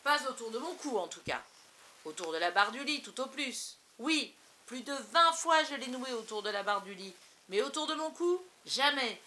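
A woman voicing a pompous middle-aged father from a storybook, shouting and sarcastic, over a faint hiss. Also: a little high, lively intonation, normal speed, pitched above the performer's own voice. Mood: furious. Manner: shouting, sarcastic, self-pitying. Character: pompous blustering father, middle-aged man, quick to rage.

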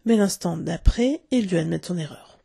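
Husky, gravelly woman reading a story aloud. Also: on the low side, moderate pace, dry recording, studio quality. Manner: expressive storytelling, acting out the characters. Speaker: narrator.

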